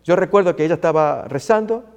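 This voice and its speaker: Animated high-voiced male preacher. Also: fast. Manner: emphatic, repeats phrases, addresses listeners as friends. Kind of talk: sermon. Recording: hall with long reverb.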